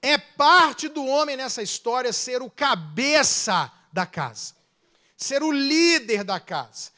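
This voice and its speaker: A man with a Brazilian accent, a pastor preaching a sermon with animated delivery, swelling loud then dropping into quick asides. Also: very high voice.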